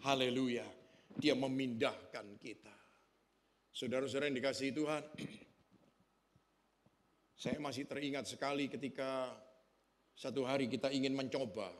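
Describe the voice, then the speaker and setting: A male pastor delivering a sermon, building loud and slow on key phrases and dropping quiet to tell a story. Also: mid-range voice, fairly even intonation.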